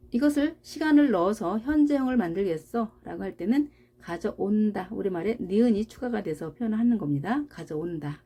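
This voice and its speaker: A woman teaching an English grammar lesson, explaining patiently and slowly repeating example words for practice. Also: mid-range voice, mellow, slightly rough. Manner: slow, deliberate, repeats example words for drilling; explains patiently with rhetorical questions.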